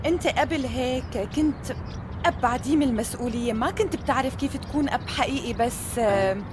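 A woman's voice: high voice, fairly quick, background noise, lightly acted. A woman playing a stern, wary Syrian mother in a drama, curt and reproachful, fed up with her ex-husband. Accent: Syrian Arabic.

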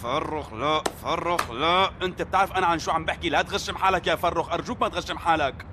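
Man acting exasperated, fast-talking Syrian father. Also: on the high side, background noise, lightly acted. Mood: exasperated, insistent. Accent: Syrian Arabic. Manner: insistent, repeats himself. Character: anxious, exasperated divorced father, pleading and flustered.

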